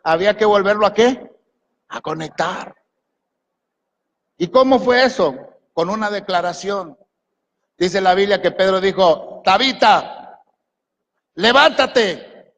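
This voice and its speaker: A man preaching, his voice sitting high for a man. He drives the sermon with questions and commands to the congregation. The sound carries a long reverb from a large church hall. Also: normal speed. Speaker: pastor.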